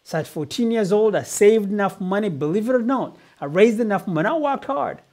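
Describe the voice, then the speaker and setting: A man's voice: sits high, animated, brisk, darkish tone. A middle-aged man from Uganda giving a motivational business talk, telling his life story earnestly and often repeating words. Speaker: business coach.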